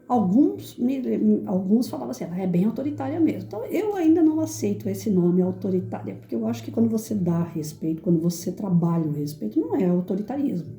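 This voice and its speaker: A middle-aged woman teacher speaks to an audience in a firm, clear voice that carries. Her tone is very dark and mellow, and the room adds a roomy echo. She sometimes acts out quotes in shrill, high voices. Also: animated, brisk, few pauses. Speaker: teacher and educator. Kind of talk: reflective talk to an audience.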